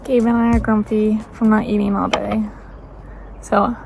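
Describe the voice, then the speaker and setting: Slow-talking chatty woman vlogger. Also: medium pitch, level tone, creaky, music in the background, low-quality recording. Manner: chatty, leans on "like" as filler. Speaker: travel vlogger. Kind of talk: casual vlog narration. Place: road trip, in a car and at a campsite outdoors.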